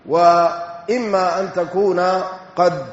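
A man giving a Quran exegesis lesson, explaining slowly and deliberately and reciting verses. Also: high voice, fairly even intonation. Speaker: Quran tafsir teacher. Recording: echoey hall, dull lo-fi sound.

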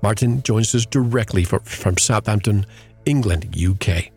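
A man hosting a radio interview show, introducing topics and a guest in a measured, earnest way. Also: on the low side, darkish tone, breathy edge, faint music behind.

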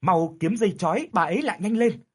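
A man voicing an older man who shouts urgent commands in a crisis. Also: sits high, lively intonation, fast, slightly rough, pitched above the performer's own voice, exaggerated voice. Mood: shouting urgently. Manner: barking orders, shouting.

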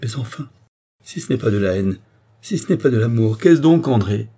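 A man's voice: medium pitch, expressive, moderate pace, dark tone. A man voicing an ardent young nobleman declaring his love in an audiobook, tender and insistent. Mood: pleading. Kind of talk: audiobook reading of a novel.

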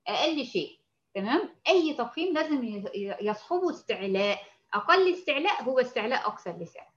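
A woman with an Egyptian Arabic accent teaching a Quran recitation lesson, patiently explaining and slowly demonstrating sounds. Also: a little high, lo-fi sound. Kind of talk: tajweed lesson.

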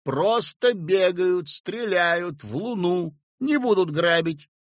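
A man voicing a curt, excitable male writer who brushes off every worry. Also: high voice, takes it slowly, dry recording, studio quality, voice pushed up. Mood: brash. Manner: curt, dismissive, brash. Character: gruff excitable male writer, loud and boastful.

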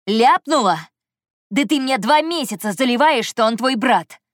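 A woman reading an audiobook and voicing an indignant young man who bursts out loudly and drags his words. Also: mid-range voice, steady tone, dry recording, clean studio sound, natural voice. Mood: furious. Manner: loud, drawn-out outbursts.

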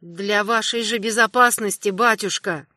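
A woman voicing a calm young prince who speaks quietly and evenly in an audiobook. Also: medium pitch, normal speed, dry recording, studio quality, lightly acted. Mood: calm, cool. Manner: quiet, even, unruffled. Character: young prince with fiery eyes, calm and cold. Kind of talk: audiobook character voice.

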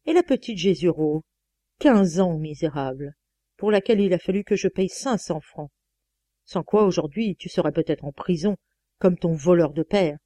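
A woman's voice: lowish voice, animated, moderate pace, warm tone, no room sound. A woman reading the lines of a jealous wife who speaks in an insistent, reproachful way. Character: jealous, sharp-tongued middle-aged wife.

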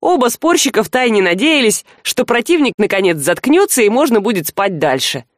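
Lively woman narrating an audiobook. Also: fairly high pitch, normal speed, dry recording, studio quality.

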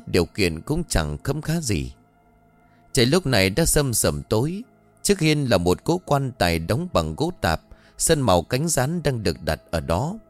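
A man narrating a dark village story in a scripted, dramatic delivery. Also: mid-range voice.

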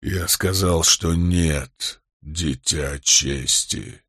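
A man voicing an ancient, cold male storm god in an audiobook, with a grave, rumbling delivery. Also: extremely slow, a bit bright, breathy edge, no room sound, studio quality, full character voice.

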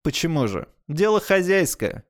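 A man's voice: on the high side, sing-song, moderate pace, pitched above the performer's own voice. A male narrator voicing a cynical, unflappable space crewman who speaks curtly and gives orders. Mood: curt, dismissive. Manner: curt, commanding.

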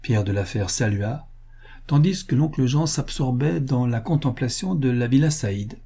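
A man narrating a classic novel as an audiobook in a measured, even reading voice. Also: medium pitch, creaky, breathy edge. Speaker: audiobook reader.

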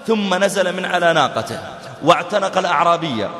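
High-voiced man preaching in an echoey hall. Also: lively intonation, fast talker, fairly bright tone. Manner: dramatic, acts out the dialogue with big swings in voice. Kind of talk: sermon storytelling.

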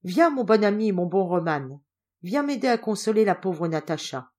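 A woman's voice: medium pitch, lively intonation, moderate pace, darkish tone, close to an everyday voice. A woman doing a hearty old general. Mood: tender. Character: old Russian general, loving, blustering grandfather.

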